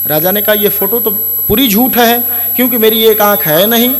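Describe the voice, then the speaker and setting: A man preaching a scripture sermon with a notably high voice. He intones Sanskrit verses at a slow pace, then explains them in everyday speech, often turning to his listeners directly. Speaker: Bhagwat Katha preacher. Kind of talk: devotional sermon with scripture recitation.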